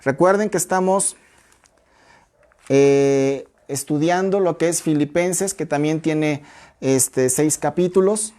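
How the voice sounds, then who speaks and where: A woman teaching a church Bible study in a measured, explanatory way, reading scripture aloud. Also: sits low, warm tone.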